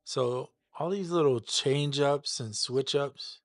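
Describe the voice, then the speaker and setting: A man's voice: mid-range voice, takes it slowly, no echo, studio quality. A man hosting a live stream, chatting casually while he demonstrates a mix. He is easygoing, stumbles over names and repeats them as he works them out.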